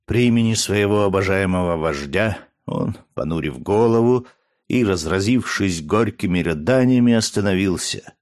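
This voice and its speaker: A man narrates an audiobook in a lowish voice. His reading is expressive and dramatic, leaning into the emotion of the scene.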